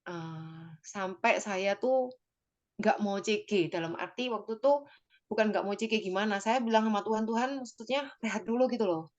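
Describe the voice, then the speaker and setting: A woman's voice: mid-range voice, normal speed, lo-fi sound. Woman sharing a heartfelt personal testimony. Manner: conversational and emotional, frequent fillers and tag phrases; addresses listeners directly. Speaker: church small-group member giving a testimony.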